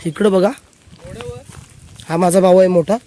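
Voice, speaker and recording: A man's voice: sits high, flat delivery, unhurried, dark tone. A young man with a Konkani Marathi accent, hosting a casual vlog outdoors on a rural plateau, chatting and bossing his friends around. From Konkan, Maharashtra. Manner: chatty, bossy, gives instructions to friends. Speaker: vlogger host. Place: outdoors on a rural plateau under a banyan tree.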